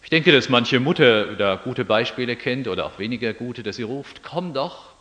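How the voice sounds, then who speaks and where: A man's voice: medium pitch, normal speed, a bit bright. A man preaching a sermon. He reads scripture aloud, then explains it in an everyday, musing tone.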